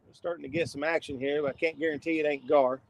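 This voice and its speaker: A man with a gravelly voice chatting casually and in a folksy way as he hosts an outdoor fishing livestream, sometimes reading comments aloud. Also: on the high side, steady tone, fast talker. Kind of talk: casual live chat while fishing. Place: outdoors on a riverbank. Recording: noisy outdoor livestream with traffic sounds.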